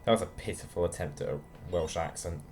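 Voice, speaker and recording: A young man streams a game live, his voice set a touch low. He talks in a dry, wry, offhand way and answers viewers by name. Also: fast talker, darkish tone, faint music behind. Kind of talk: casual live-stream chat while playing.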